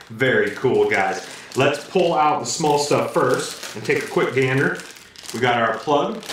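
A hoarse-sounding American man in his thirties casually unboxes and reviews a gadget in his living room, upbeat and repeating "very, very cool, guys." His mid-range voice is fairly bright, and the camera mic, a short distance away, picks up an echoey room and slight background noise.

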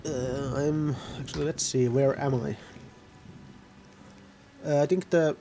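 Male gamer host, rambling casual commentary, gravelly voice with a dark tone, faint game music underneath. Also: mid-range voice, steady tone, takes it slowly. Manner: rambling, self-correcting, offhand. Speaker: gaming video host.

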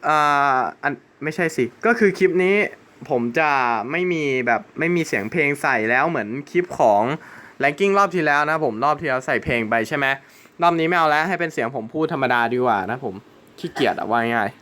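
A man's voice: on the high side, expressive, a little fast, bright, forceful tone. A young man hosting his gaming channel, chatting casually through gameplay and swearing and exclaiming at the game.

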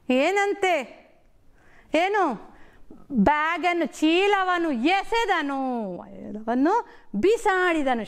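A middle-aged woman teaching a primary school lesson on television, asking the children questions and explaining words in a sing-song storytelling way. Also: high voice.

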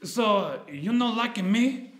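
A short, heavyset coworker , as a man puts him on speaks in a Mexican Spanish accent with clipped, repeated replies. The voice sits higher and bounces around. It rings out in an echoey theater. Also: lively intonation, slow, a bit bright, a little hiss or hum, heavily acted. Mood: probing. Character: short heavyset male coworker, stubborn, teasing.

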